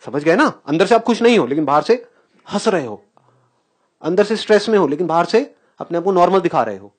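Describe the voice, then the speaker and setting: A man giving a live spiritual talk to an audience, animated and questioning, often laughing as he mixes English phrases into Hindi. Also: high-pitched, a little fast, breathy edge. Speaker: spiritual speaker.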